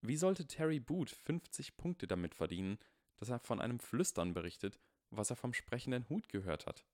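A man's voice: medium pitch, expressive, normal speed, a little mellow, no room sound, studio quality, pitched above the performer's own voice, natural voice. Man doing a precocious earnest boy. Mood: explaining. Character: precocious earnest eleven-year-old boy wizard.

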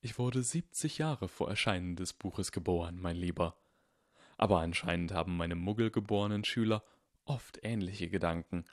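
A man voicing a soft-spoken old wizard. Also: deep voice, no room sound, clean studio sound, close to an everyday voice. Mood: wry. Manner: soft, unhurried and gently whimsical. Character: old, eccentric, kindly wizard headmaster, male. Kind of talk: audiobook character voice.

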